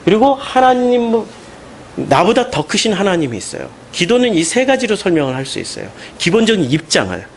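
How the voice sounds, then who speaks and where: A man preaching a Sunday sermon as pastor, animated and emphatic, with questions put to the congregation. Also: sits high, fairly quick, a little hiss or hum. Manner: animated, rising into emphatic questions and mocking quotes.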